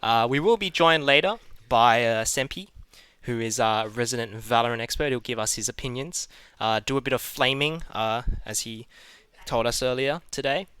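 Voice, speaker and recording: A young man works as an esports caster, introducing a match in a casual hype style. His voice is bright and forward, very clean and crisp, with a dry, close sound. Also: medium pitch, normal speed, no room sound.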